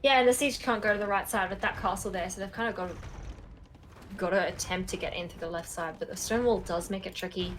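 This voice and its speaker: A woman's voice: mid-range voice, quick pace, slight background noise. A woman co-commentating a live strategy game match, upbeat and playful, laughing often. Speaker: esports co-caster.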